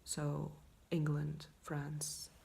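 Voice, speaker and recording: A tired woman talking quietly at night in a rambling casual vlog, mostly in a whisper, close to her phone. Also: sits low, completely flat delivery, extremely slow, creaky. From Poland. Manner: quiet, hushed night-time talk, often whispering; rambling, self-deprecating. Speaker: vlogger. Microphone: iPhone, leaning in close.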